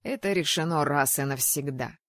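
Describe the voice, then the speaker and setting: A woman voicing a young male mage who speaks softly with gentle irony. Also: low voice, normal speed, dry recording, clean studio sound, voice pushed down. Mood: ironic. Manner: soft, gently ironic.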